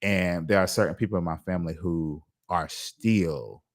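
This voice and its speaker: A man with a lowish voice hosts a podcast and talks through a personal story in casual interview chat. He speaks reflectively, circling back with restarts and asides. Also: normal speed. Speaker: podcast host.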